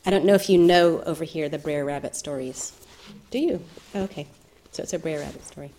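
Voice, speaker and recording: Soft-spoken woman teaching meditation. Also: low voice, fairly quick. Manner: soft-spoken, thoughtful, with gentle laughs. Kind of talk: reflective dharma talk.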